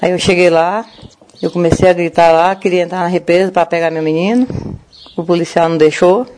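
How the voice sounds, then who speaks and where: An older woman with a Brazilian Portuguese accent, a grieving grandmother telling in distress what happened, in a rushed, breathless retelling full of quoted dialogue. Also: fairly low pitch, fairly even intonation, noisy background. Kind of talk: emotional first-hand account.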